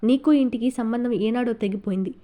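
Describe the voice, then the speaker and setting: A woman's voice: a little high, brisk, mellow, lightly acted. A woman reading Sneha, a fierce proud young woman. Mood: defiant. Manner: firm and defiant.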